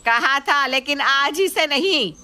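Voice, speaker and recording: A woman's voice: high-pitched, animated, slow, bright, forceful tone, pitched above the performer's own voice, full character voice. A woman voicing an irritable middle-aged mother-in-law in a nagging, bossy way.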